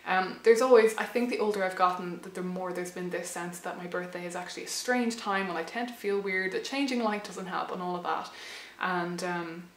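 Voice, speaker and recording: Speaking fairly quickly and barely pausing, a woman of about thirty hosts a reflective personal vlog, hesitant and full of restarts. Her voice is fairly low and a little worn, and the room echoes.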